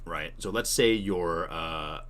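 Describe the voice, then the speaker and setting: Very deep, bright-voiced man streaming casually. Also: slow pace. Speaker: streamer giving tutorial and answering chat questions. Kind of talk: casual livestream Q&A talk.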